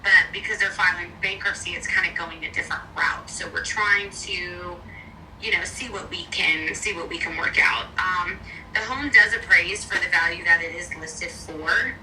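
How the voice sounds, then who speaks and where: A woman's voice: fairly low pitch, normal speed, sharp tone. A woman on a phone call, a real estate agent chatting and explaining at length. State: bad cell service. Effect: heard over a phone call. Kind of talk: casual phone conversation. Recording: distant phone line, faint noise.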